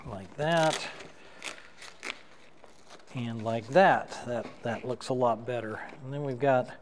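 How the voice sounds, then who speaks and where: Slow-talking man demoing studio gear. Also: mid-range voice, in a large hall, background noise. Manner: unhurried, talks while assembling gear. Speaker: photographer reviewing gear. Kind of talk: hands-on gear demo. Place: dark studio, at a table. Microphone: wireless lapel mic.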